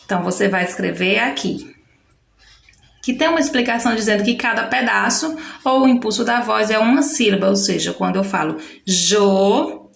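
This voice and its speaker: A woman teaching a children's workbook lesson with Brazilian Portuguese speech, patiently slowing down to spell out syllables. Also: medium pitch, gravelly. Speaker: primary school teacher. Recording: echoey room.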